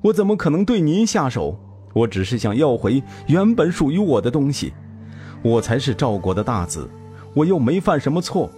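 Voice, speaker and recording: A desperate young prince, as a male storyteller puts him on, pleading through sobs in a strained voice pitched well above the teller's own. His lines swing up and down with every plea. Quiet music plays underneath. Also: very animated, moderate pace, close to an everyday voice. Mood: protesting. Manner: sobbing, pleading.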